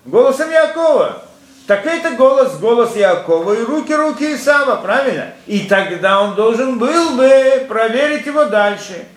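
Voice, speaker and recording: A Torah teacher instructs his students, explaining through rhetorical questions and quoting Hebrew verses. His very high-pitched voice is expressive and moves at normal speed, in an echoey room with faint ambience.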